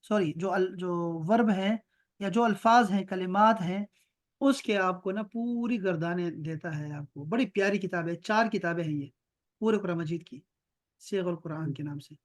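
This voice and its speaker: A man with an Urdu accent teaching Arabic grammar in an online class, explaining patiently, slowly chanting verb patterns and checking that students follow. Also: high voice. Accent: Pakistani Urdu.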